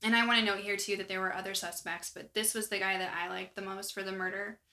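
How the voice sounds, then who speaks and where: A woman co-hosting a true-crime podcast, talking in a chatty, animated way with lots of asides. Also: medium pitch, quick pace. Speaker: podcast co-host. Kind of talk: casual true-crime chat.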